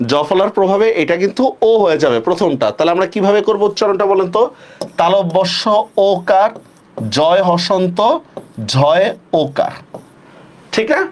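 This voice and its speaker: A man teaching a live online class, repeating questions and checking often that students follow. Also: sits high.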